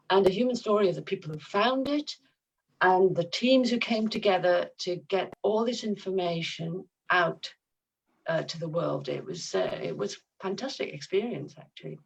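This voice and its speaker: A woman's voice: medium pitch, creaky, husky, far from the mic, dull audio. A woman on a panel speaking reflectively about a joint project, hesitating with fillers over a video call. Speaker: museum panelist.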